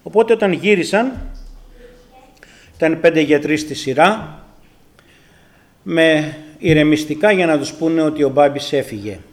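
An older man from Greece stands before his congregation and tells his own testimony. He speaks earnestly and emphatically, and his loudness swells and drops as he tells it. His voice sits a little higher than most men's. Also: lively intonation, pauses often. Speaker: church member giving testimony.

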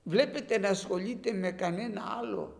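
A man's voice: high voice, vocal fry. A man preaching a sermon, telling a story with animation and speaking directly to his listeners as brothers.

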